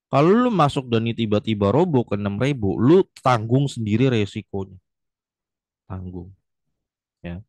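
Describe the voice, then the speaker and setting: A man's voice: on the low side, darkish tone, no room sound. Blunt, chummy man talking stocks. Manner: blunt, chummy, lecturing, calls the viewer John. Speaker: stock market commentator. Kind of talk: casual market commentary.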